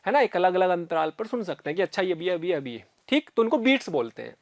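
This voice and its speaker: A man's voice: high voice, big pitch swings, fast, dry recording. Male physics teacher, patient, checks in with students a lot, dry recording. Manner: explains step by step and often checks in with "है ना" and "ठीक है"; repeats sounds aloud to demonstrate. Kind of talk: recorded classroom lecture.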